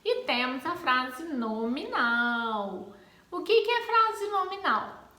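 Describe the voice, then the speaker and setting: A woman with a Brazilian Portuguese accent teaching a grammar lesson, expressive and acting out exclamations to make her points. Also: high-pitched, slow pace, echoey room.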